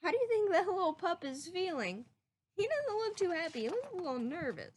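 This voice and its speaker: With an extremely high voice, a woman reads a picture book to young children the way an animated teacher would, stretching out words and stopping to ask them questions.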